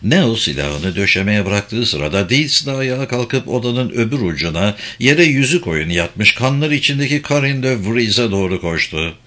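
A man narrating a thriller audiobook in a measured storytelling manner. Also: fairly low pitch, expressive, pushed and bright. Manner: measured storytelling with acted dialogue.

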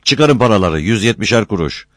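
A man voicing a gruff village headman who barks orders at a crew of workers. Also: lowish voice, sing-song, fast, no room sound, clean studio sound, pitched above the performer's own voice. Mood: bossy. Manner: bossy, hollering orders.

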